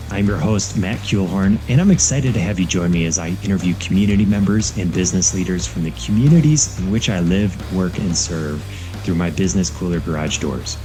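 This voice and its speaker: A man reading a scripted podcast intro in an earnest, read-aloud way. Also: low voice. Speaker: podcast host. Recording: intro with faint music beneath. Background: soft background music.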